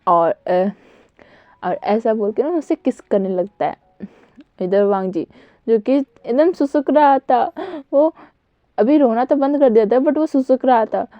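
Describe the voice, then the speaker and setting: A woman's voice: fairly high pitch, expressive, measured pace, no room sound. Chatty woman retelling a story. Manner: chatty, with frequent fillers. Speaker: storyteller retelling fan fiction. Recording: dull dry home recording, faint music.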